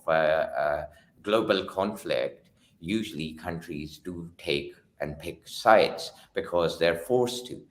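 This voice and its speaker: Very deep-voiced man in an echoey room. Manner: halting, often repeats his opening words. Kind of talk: casual political discussion. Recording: roomy echo.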